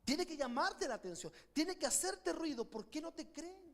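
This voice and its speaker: A man's voice: very high-pitched, lively intonation, moderate pace, fairly bright tone. A middle-aged man with a Chilean accent, preaching a sermon with passion and calling his congregation to repeat after him. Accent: Chilean Spanish. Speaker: pastor. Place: church sanctuary.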